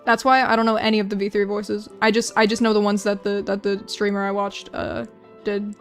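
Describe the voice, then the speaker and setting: A woman's voice: mid-range voice, level tone, a little fast, soft background music. A young woman streaming while she draws, chatting casually with viewers in a rambling, self-deprecating way, full of restarts. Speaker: art streamer. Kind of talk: casual livestream chat while drawing.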